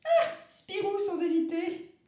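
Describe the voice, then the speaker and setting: A woman's voice: extremely high pitch, very animated, takes it slowly, dark tone, heavy reverb, voice pushed up, exaggerated voice. A woman playing a grand, theatrical national actress who is fearful and fussy, speaking in an affected, precious and rambling way in a comic radio sketch.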